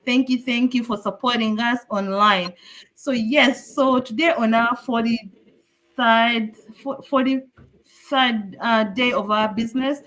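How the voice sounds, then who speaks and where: A woman's voice: fairly high pitch, steady tone, slow pace, a bit bright. A woman from Uganda hosting a live online talk show in an upbeat, welcoming way. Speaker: host.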